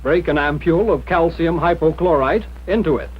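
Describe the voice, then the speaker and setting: An American man reading scripted instructions in the formal, measured manner of a 1940s military training film narrator. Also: fairly high pitch, slightly rough. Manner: mid-century newsreel-style narrator, formal, measured instruction. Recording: dull, lo-fi 1940s film soundtrack.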